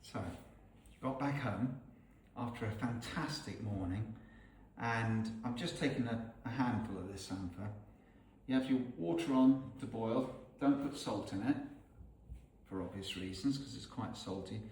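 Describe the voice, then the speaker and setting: A middle-aged man with a Norfolk accent, a chef hosting a casual cooking demonstration. He talks in a chatty, relaxed way and explains each step as he goes. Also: fairly low pitch, unhurried. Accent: Norfolk English. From North Norfolk, England. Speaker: chef and host. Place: outdoors on salt marshes, then a home kitchen. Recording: roomy and distant with faint background noise.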